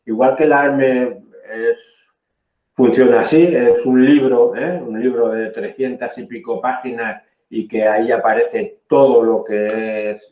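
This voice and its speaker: A man from Spain with a medium-pitched voice delivers a patient technical lecture, regularly checking understanding with "¿eh?" and fixing his own slips. It sounds roomy, with phone-like quality.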